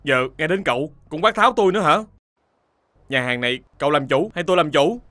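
An actor playing a young restaurant owner, a defensive lovesick son, with a Southern Vietnamese accent. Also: male voice, fairly high pitch, animated, fast talker, pushed and bright, dry recording. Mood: irritated.

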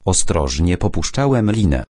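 Deep, dark-toned male audiobook narrator. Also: very animated, moderate pace, no room sound, studio quality. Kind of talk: first-person audiobook narration.

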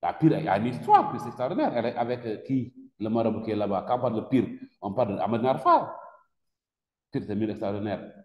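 Man, Senegalese French accent, teacher quizzing students, emphatic repeats, lively pitch, roomy echoing hall. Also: highs cut off. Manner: questions the class, repeats words, slow and emphatic. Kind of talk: classroom lecture with questions to students. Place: classroom. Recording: echoey classroom with long reverb.

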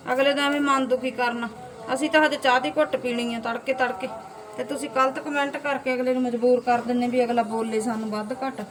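Indignant high-voiced Punjabi woman vlogger. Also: a little hiss or hum. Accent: Malwai Punjabi. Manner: indignant, scolding, rhetorical. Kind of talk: casual talk to camera. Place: home.

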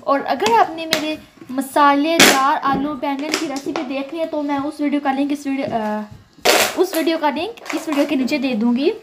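Heavy background noise, including frying and stirring, surrounds a woman in her home kitchen as she narrates a recipe for her cooking channel. Her high voice holds a steady tone at normal speed, friendly and casual as she explains each step and mixes in English words.

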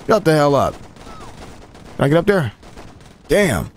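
A young man swearing, trash-talking and shouting at characters while commentating his gameplay. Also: fairly high pitch, very animated, a little slow, a little hiss or hum. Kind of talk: profane running commentary over gameplay.

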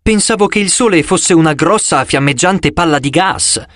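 A man reading an audiobook, voicing an excitable, curious young boy in a raised, eager voice. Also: normal speed, no room sound, clean studio sound. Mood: excited. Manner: eager, excitable, high-pitched.

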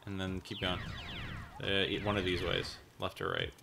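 A man's voice: low-pitched, big pitch swings, normal speed, vocal fry, over music. A young man coaching and encouraging his wife through a video game, joking easily as he goes. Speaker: co-player of a gaming channel. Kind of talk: casual let's play chat.

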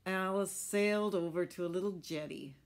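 In a small furnished room at home, a middle-aged woman reads a picture book aloud to children. Her voice sits on the low side and moves at a normal speed, and she adds chatty explanations and little questions for her listeners.

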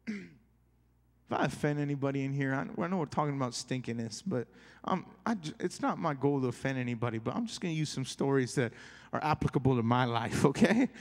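A man with a high voice preaches as a youth pastor, playful and animated as he acts out funny stories for his congregation. His sermon rings out through a large church hall with a long reverb tail. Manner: animated, jokey preaching with acted-out quotes.

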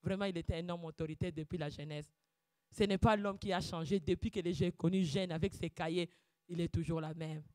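A woman giving a fervent preaching testimony, breaking into loud shouted calls of praise and dropping to quiet, low asides. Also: fairly even intonation, fairly quick, no echo, studio quality. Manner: drops to quiet, low asides between outbursts. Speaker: church speaker giving testimony.

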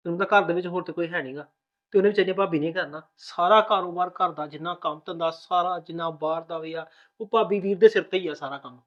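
An actor playing a new husband who rapidly reassures his bride that all is well. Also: high voice, a bit bright, highs cut off. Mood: soothing. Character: young husband, reassuring and soothing. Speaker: groom. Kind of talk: village family drama acting.

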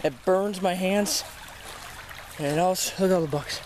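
A man's voice: high voice, unhurried, a little mellow, a little hiss or hum. A man chatting casually and exclaiming to viewers in an informal, sweary outdoor wildlife vlog, recorded on a handheld camera. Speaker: host of amateur snake-catching vlog. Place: outdoors by a creek in weedy woods. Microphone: handheld camera held by the speaker.

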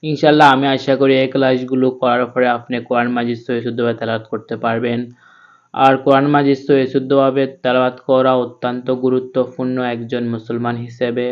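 A man teaching Quran reading to viewers, spelling out each letter and sound slowly before chanting the verse. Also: mid-range voice, lo-fi sound. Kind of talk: step-by-step recitation lesson.

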